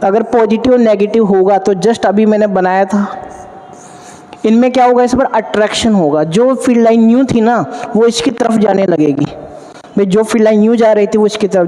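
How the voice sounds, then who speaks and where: Male physics teacher, high and mellow-toned, drills the class with call-and-answer questions; long hall reverb. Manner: addresses students warmly as 'beta'. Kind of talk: classroom lecture at a board.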